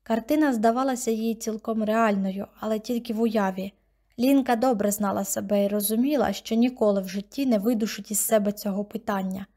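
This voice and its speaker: A woman narrating an audiobook with steady, measured reading. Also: medium pitch. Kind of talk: scripted narration.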